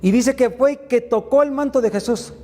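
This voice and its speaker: A man's voice: very high voice, brisk, warm tone, in a large hall. A man giving a motivational faith talk, retelling Bible stories with frequent filler sounds. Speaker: faith mentor and speaker.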